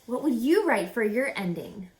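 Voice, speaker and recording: Reading a picture book like a teacher would, this woman is deliberate and instructive, adding dramatic pauses and questions for the children listening. She pitches high and sing-song with a darkish tone, and there's slight background noise.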